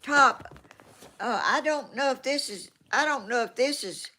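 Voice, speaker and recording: A woman in her eighties, a vlogger with a Georgia Southern accent, goes through viewer comments in rambling, casual chat, stopping mid-thought and starting over. Her high voice comes out a little slow, pushed and bright.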